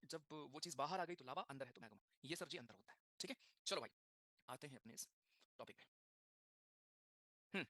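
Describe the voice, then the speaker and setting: Rapid, bright-voiced male teacher. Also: on the high side, no room sound, studio quality. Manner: rapid Hindi-English mix, repeats key terms, asks the class questions. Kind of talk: classroom lecture.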